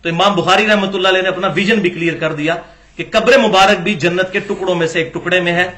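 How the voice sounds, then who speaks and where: A man delivers a religious lecture in a high voice. His tone is bright and cutting, and he presses his argument with pointed rhetorical questions. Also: steady tone. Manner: argumentative, rhetorical questions, acts out quoted dialogue.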